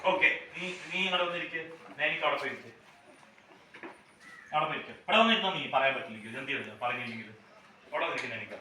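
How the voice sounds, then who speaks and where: A woman's voice: very deep voice, racing, long pauses, sharp tone, slight background noise. A woman preschool teacher leading a classroom activity with small children, coaxing them with repeated questions and English phrases. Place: classroom, indoors. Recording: echoey room from far off.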